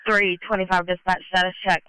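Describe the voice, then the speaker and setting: Crisp female police radio dispatcher. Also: on the low side, level tone, a little fast, pushed and bright, no room sound, rough recording.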